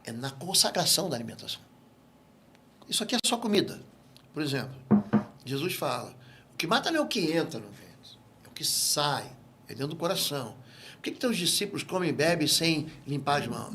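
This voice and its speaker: A Brazilian man speaking as a guest pastor in an interview, with a voice pitched a little high for a man. He explains and teaches in an animated, storytelling way, slipping into other voices for dialogue. A faint hiss sits under the recording. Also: fairly quick. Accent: Brazilian Portuguese. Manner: animated storyteller who acts out quoted dialogue. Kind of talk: interview, teaching on spiritual matters.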